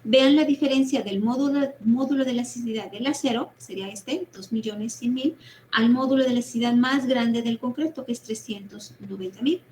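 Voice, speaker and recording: A woman lecturer teaches an engineering class online, her voice sitting a little on the high side. She explains patiently, step by step, keeps checking in with quick tag questions and fills her pauses with small hesitation words. A faint hum sits under her voice. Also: darkish tone, rough recording. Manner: explanatory, peppers talk with tag questions and fillers. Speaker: university lecturer.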